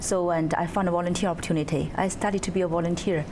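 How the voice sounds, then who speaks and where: A woman from China, a guest in a TV studio interview who is soft-spoken and uses many fillers. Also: on the low side, fairly even intonation, fast talker. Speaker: guest, executive director. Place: TV studio set. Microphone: lapel. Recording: audible background noise.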